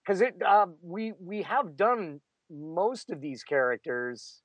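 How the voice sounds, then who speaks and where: A man's voice: high voice, slow pace, no room sound. A man who narrates audiobooks, chatting casually in a self-deprecating way and often restarting his sentences. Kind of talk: casual conversation.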